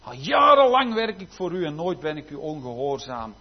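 A man's voice: on the high side, sing-song, moderate pace. A man voicing a resentful, bitter elder brother who complains indignantly. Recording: dull lo-fi recording.

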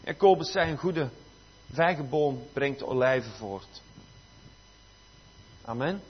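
A man's voice: mid-range voice, lively intonation, slow, husky. A man preaching a church sermon, emphatic and dotted with amen and halleluja. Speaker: pastor. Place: church service. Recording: dull lo-fi recording.

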